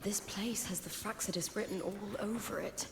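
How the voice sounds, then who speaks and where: An actress playing a solemn, brooding female warrior in a video game, with a hushed, grave delivery. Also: mid-range voice, moderate pace, gravelly, noisy background, lightly acted. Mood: bitter, grave. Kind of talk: scripted video game dialogue. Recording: echoing, long reverb, music behind.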